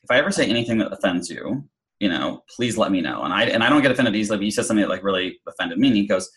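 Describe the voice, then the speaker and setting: A man's voice: fairly low pitch, animated, very fast, fairly bright tone, poor audio. A middle-aged man telling a personal story in an interview, chatty, with many fillers and restarts. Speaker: guest.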